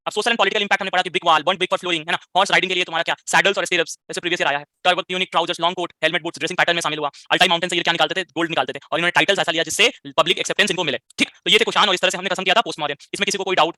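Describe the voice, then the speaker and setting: This male history teacher talks fast in a sharp, high-pitched voice with no echo, delivering a live online class lecture. He fires off rhetorical questions, leans on frequent tag questions, and mixes English phrases into his Hindi.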